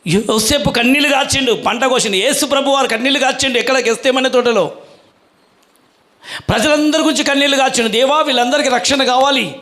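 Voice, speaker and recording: A man's voice: very high voice, quick pace, fairly bright tone. A male pastor preaching a sermon, questioning the congregation and calling for their answers.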